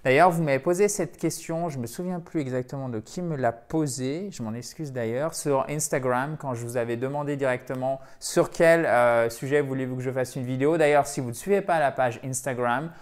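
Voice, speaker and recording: A man teaching a video lesson for French speakers, lively and repeating words to drill their pronunciation. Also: medium pitch, fairly quick, hardly any pauses. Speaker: English teacher.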